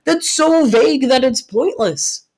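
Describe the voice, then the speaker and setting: In soft, intimate roleplay audio aimed at the listener, a young woman plays a caring, protective best friend who is secretly in love. Her husky, breathy voice sits high and sounds animated and exaggerated, moving at a measured pace with a teasing, reassuring manner. She comes across as shocked and indignant.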